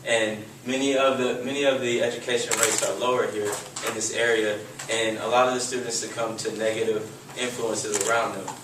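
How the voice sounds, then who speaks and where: A young man from Texas opens his team's presentation in an earnest tone, with the odd uh between phrases. He sounds distant in a roomy hall with clear background noise. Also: medium pitch, flat delivery, normal speed. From Houston, Texas. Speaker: student presenter. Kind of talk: class project presentation. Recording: distant mic in an echoey room with background noise.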